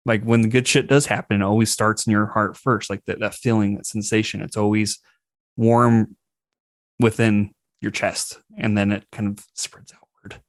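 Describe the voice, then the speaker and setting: A man's voice: on the low side, flat delivery, normal speed, no echo. A man hosting a podcast, talking casually in an informal, reflective way. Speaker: podcast host. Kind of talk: casual conversation.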